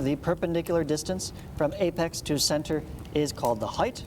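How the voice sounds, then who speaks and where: Against a noisy background, a male math teacher with a voice on the high side explains things step by step in a read-along lesson style. He throws in asides and keeps checking in with "right?" and "okay?".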